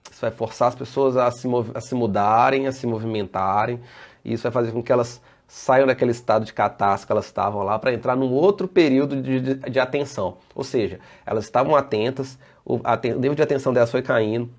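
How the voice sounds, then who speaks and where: A Brazilian safety engineer and trainer with a Brazilian Portuguese accent gives a casual live online presentation, answering viewer comments along the way. He has a mid-range voice and talks fast.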